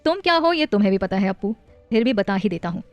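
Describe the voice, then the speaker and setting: A woman voicing a playful, doting young husband and father in an audio story, speaking gently and coaxingly. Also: mid-range voice, big pitch swings, fast talker, no echo, faint music behind, close to an everyday voice. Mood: loving.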